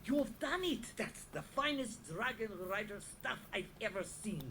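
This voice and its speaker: A woman voicing a cheerful female game character with a Wisconsin accent, speaking in a bright sing-song way. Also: animated, a little slow. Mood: proud, encouraging. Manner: bright sing-song delivery with big pitch swings. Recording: game audio with loud noise.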